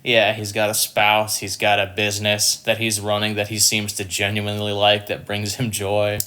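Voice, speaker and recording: A man's voice: on the low side, monotone, moderate pace, bright, forceful tone. A man co-hosting a film review, making dry, matter-of-fact remarks in casual chat.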